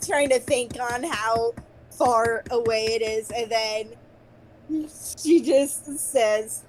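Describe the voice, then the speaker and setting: A woman's voice: on the high side, very slow, a little hiss or hum, poor audio. A woman playing a tabletop game, talking casually and easygoing. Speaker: player.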